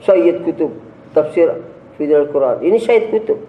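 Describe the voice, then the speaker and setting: Preaching to a crowd in a large gathering hall, a religious leader piles on rhetorical questions with emphatic scorn. His voice is on the high side, animated and unhurried, captured with phone-quality sound, a little hiss or hum, and an echoey room.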